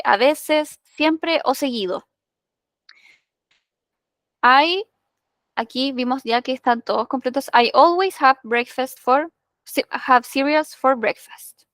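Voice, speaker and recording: Woman teacher, high voice, unhurried, close dry sound, patient explainer. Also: no room sound. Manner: explains patiently, with many "eh" and "ya?" checks. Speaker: English teacher. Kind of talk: online class explanation.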